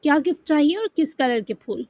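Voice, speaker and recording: A woman's voice: high voice, animated, a little mellow, dry recording. A woman voicing a shy, sweet young woman in a bashful, pleading manner. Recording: dull dry lo-fi sound.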